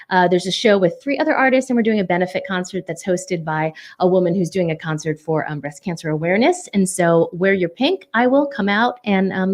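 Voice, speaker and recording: A woman hosting her own casual livestream from home, chatty and bubbly, with excited whoops between announcements. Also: mid-range voice. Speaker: livestream show host and singer-songwriter.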